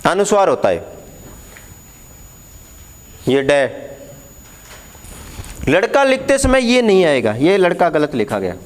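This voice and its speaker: High-voiced man teaching Hindi letters. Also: big pitch swings, slow pace, long pauses. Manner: explains patiently, repeats key words, asks the class questions. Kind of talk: classroom lesson at a board.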